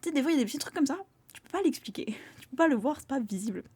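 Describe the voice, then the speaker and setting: A woman's voice: sits high, lively intonation, rapid-fire, mellow, no echo. A young woman musing aloud in a casual, rambling monologue, full of fillers and acted-out quotes of other people. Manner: rambling, filler-heavy, acts out quoted voices.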